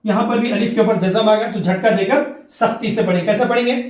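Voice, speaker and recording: A man with a high voice teaches a Quran recitation lesson, going over each rule more than once. He chants the example syllables in a slow, drawn-out way. The room has a lot of echo. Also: a little mellow.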